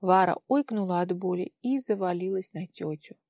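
A woman's voice: fairly low pitch, normal speed, gravelly, mellow, no room sound. Woman reading a story aloud. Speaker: audiobook narrator. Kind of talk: scripted narration.

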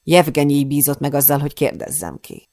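A woman's voice: sits low, expressive, warm tone, no echo, clean studio sound. A woman reading an audiobook gives voice to a tense adult man with firm, clipped, urgent lines. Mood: grim. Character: tense adult man, gangster lover, commanding.

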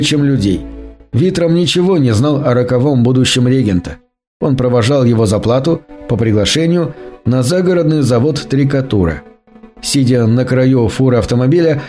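A man narrating a literary audiobook in a steady, unhurried way. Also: mid-range voice. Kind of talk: audiobook reading.

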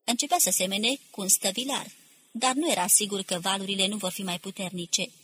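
A woman narrating an audiobook in a steady, measured reading. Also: medium pitch, slight background noise.

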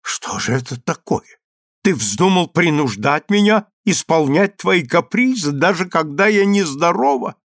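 A man's voice: fairly high pitch, sing-song, measured pace, dry recording, clean studio sound, pitched above the performer's own voice. A man reading a story aloud and voicing a tearful young baroness who pleads and then snaps in exasperation. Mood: pleading.

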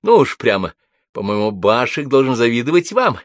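A man voicing a gushing young wife with a shrill, excited delivery. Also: normal speed, dry recording.

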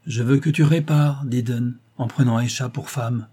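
A man voicing a noble young wife, gentle but resolute, in an audiobook reading with an earnest, solemn manner. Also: medium pitch, steady tone, moderate pace, husky, close to an everyday voice.

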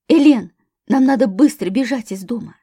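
Desperate young mother, urgent and commanding, read by a woman narrator, husky, higher voice. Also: moderate pace, dark tone. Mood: frantic. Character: terrified young mother in a house fire.

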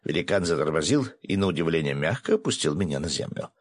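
A man narrating a first-person adventure audiobook, brisk with coarse asides. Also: very deep voice, expressive.

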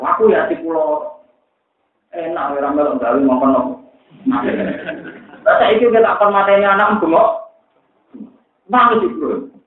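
A man with a Central Javanese accent preaching a religious lecture, telling stories in a lively way that mixes jokes and pleading. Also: medium pitch. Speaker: Islamic preacher. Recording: echoey, tinny lo-fi recording.

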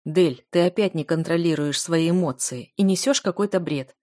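A woman voicing a cold, aloof young male dark mage who speaks curtly and dismissively. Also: lowish voice, moderate pace, dry recording, clean studio sound, natural voice. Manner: curt, dismissive, restrained.

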